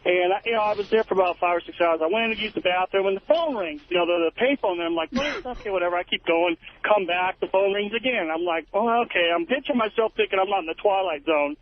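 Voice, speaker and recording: A man's voice: sits high, fast, few pauses. A man, a truck driver, calls into a radio show and tells an anecdote, acting out the other people in it. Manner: animated storyteller acting out voices. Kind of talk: phone-in anecdote. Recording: muffled phone call with faint hiss.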